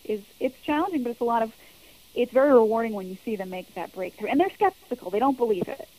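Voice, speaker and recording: A woman's voice: on the high side, expressive, fast, mellow, low-quality recording. A woman who works as a public speaking coach, answering interview questions in an earnest, explanatory way and repeating her key points.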